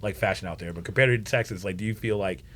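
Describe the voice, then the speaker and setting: A man's voice: sits low, quick pace, a bit bright. A man hosting a casual podcast, talking in a loose, slangy way full of fillers. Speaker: podcast host.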